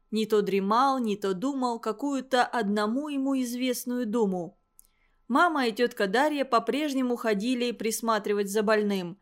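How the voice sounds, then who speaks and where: Woman reading a story aloud. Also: on the high side. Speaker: audiobook reader. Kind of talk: scripted audiobook narration.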